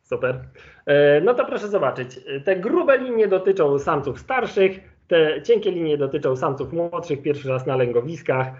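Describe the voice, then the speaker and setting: A man giving an online lecture with slides as an ornithologist, explaining in a relaxed way and thinking aloud with fillers. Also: on the high side, normal speed. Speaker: ornithologist giving a webinar presentation. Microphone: video call. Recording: lo-fi video call audio.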